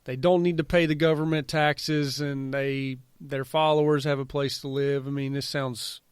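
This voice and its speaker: A man's voice: mid-range voice, flat delivery, normal speed, clean tone, no echo, clean studio sound. A man co-hosting a casual podcast, chatting with crude jokes and profane asides. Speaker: podcast co-host. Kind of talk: casual chat.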